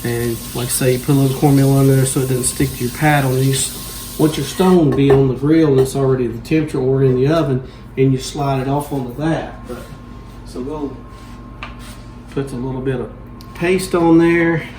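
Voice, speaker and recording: In a mid-range voice at a moderate pace, a man delivers laid-back, folksy cooking directions like a home cooking show host. Noticeable background noise runs underneath his speech.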